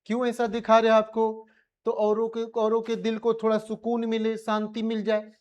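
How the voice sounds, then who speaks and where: A man's voice: sits high, completely flat delivery, normal speed, darkish tone. A male physics teacher with an Indian accent, giving a colloquial classroom revision lecture and pressing his students with repeated questions.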